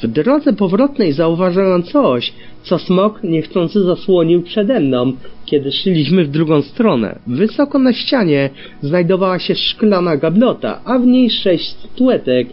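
A man reading a story aloud as an audiobook, telling it in an expressive way. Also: sits high, measured pace, hardly any pauses. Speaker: audiobook reader. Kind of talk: scripted narration of fan fiction. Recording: dull lo-fi with faint music.

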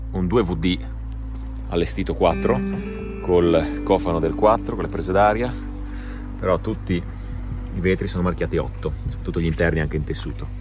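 A man with an Italian accent, vlogging casually and enthusiastically outdoors about the cars he sees. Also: sits low. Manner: enthusiastic, excitable, talks to viewers. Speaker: car vlogger. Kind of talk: casual vlog commentary. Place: outdoors in a mountain town. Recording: with music behind.

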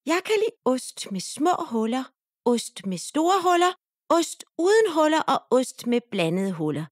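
A woman's voice: high voice, very animated, dry recording, studio quality. A woman voicing a small, eager storybook mouse.

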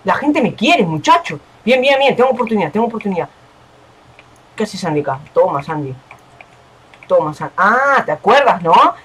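A young man hosting a gaming channel, talking casually and excitably over his game, swearing and yelling at the screen. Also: sits high, moderate pace, pauses often, slight background noise.

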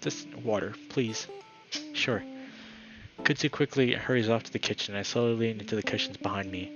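A man's voice: lowish voice, fast talker, muffled recording, over music. A man reading a visual novel aloud for his channel, narrating dramatically with the odd casual aside. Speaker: gaming YouTuber.

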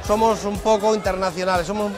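Speaking fast in a high-pitched, fairly even tone, a middle-aged man from Zamora, Spain, who manages a restaurant, shows viewers around his crowded tented terrace at night. He talks to camera through a lapel mic in a tour-guide manner, with music running underneath his voice.

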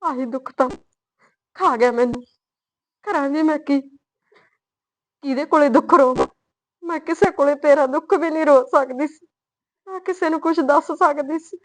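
A woman's voice: on the high side, moderate pace, pauses often, lightly acted, low-quality recording. A woman playing a worried rural mother who scolds and pleads with her daughter. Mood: scolding. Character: worried rural mother, firm yet loving. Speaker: mother of the heroine. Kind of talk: village short-film drama.

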